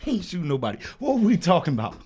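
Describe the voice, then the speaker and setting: A man co-hosting a podcast in loud, slangy casual banter, laughing often. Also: a little high, huge pitch swings, rapid-fire, very noisy. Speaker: podcast co-host.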